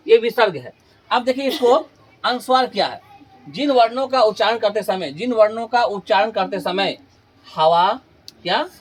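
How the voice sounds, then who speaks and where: A man teaching Hindi grammar in a classroom lesson with students. He repeats each question and answer as a drill and stretches key terms slowly for emphasis. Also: sits high.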